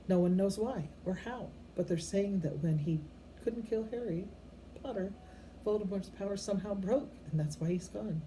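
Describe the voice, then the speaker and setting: Woman voicing a stern, anxious witch professor, mellow toned. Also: on the low side, a little hiss or hum, pitched above the performer's own voice, close to an everyday voice, rough recording. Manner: emphatic, exasperated.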